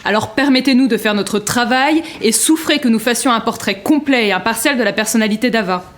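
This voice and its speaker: An actress playing an assertive, indignant defence lawyer, formal and insistent, in a courtroom audio drama. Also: female voice, on the high side, fairly quick, close to an everyday voice.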